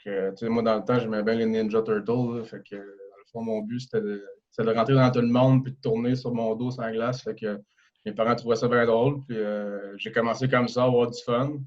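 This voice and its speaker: A man in his thirties with a Québécois French accent, talking casually as a podcast guest, relaxed and hesitant with many fillers and restarts. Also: medium pitch, a little fast, dull audio. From Quebec. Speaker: guest, professional hockey player.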